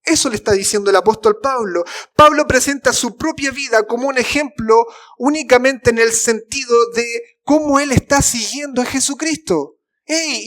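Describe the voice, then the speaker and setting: A man with a Chilean Spanish accent preaching a sermon as pastor, fervent and emphatic, sometimes dropping to soft, slow phrases. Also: very high voice. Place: church sanctuary.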